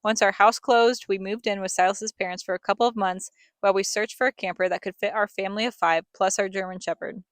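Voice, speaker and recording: A woman's voice: mid-range voice, steady tone, fast, no room sound, studio quality. A young woman reading a scripted vlog voice-over in a reflective, earnest storytelling manner. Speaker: family vlogger, co-host.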